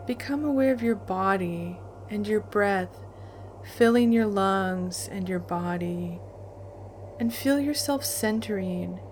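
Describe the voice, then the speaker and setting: A woman narrating a guided meditation in a calm, soothing, deliberate way with long pauses. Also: mid-range voice, noisy background. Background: music.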